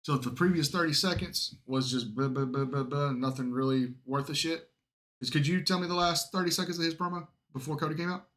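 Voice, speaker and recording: A man's voice: on the high side, fairly quick, a bit bright. A man chatting casually as a podcast co-host, blunt and opinionated, with plenty of profanity.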